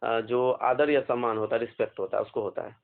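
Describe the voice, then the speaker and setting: A man teaching an exam vocabulary lesson, slowly spelling out words letter by letter and asking questions. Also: medium pitch, steady tone, vocal fry. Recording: phone-like narrow band.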